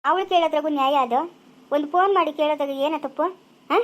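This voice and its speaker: A woman acts an indignant village wife and daughter of the house in a homemade family drama. She scolds in a very high, piercing voice with a rural Chikkaballapura Kannada accent. She talks quickly and never lets up. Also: natural voice. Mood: scolding. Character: quarrelsome village woman fighting for her family rights.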